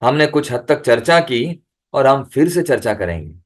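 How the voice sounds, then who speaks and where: A man giving a devotional discourse over a video call, reading letters aloud slowly and then explaining them. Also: mid-range voice, big pitch swings. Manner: chants the holy name in a rising, lifted voice. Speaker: devotional speaker.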